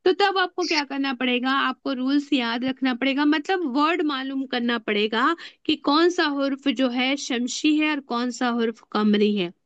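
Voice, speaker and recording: A high-pitched woman leads an Arabic grammar lesson, stopping often to ask her students questions and repeating key terms slowly. The recording is dry and a little dull. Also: no echo. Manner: asks the class frequent check questions, repeats key words slowly. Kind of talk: classroom lesson explaining rules with questions to students.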